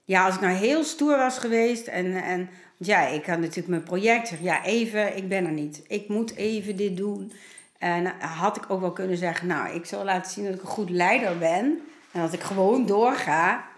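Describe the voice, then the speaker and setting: A woman's voice: mid-range voice, moderate pace. A middle-aged woman talking earnestly in a casual conversation, telling stories with animation. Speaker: guest. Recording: echoey room.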